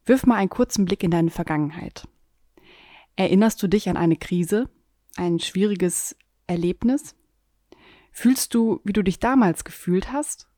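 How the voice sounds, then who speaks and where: A woman's voice: mid-range voice, mellow, dry recording. Woman narrating guided relaxation, dry close sound. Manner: addresses the listener intimately in short, measured instructions. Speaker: podcast host. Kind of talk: guided relaxation, calming sleep-story style narration.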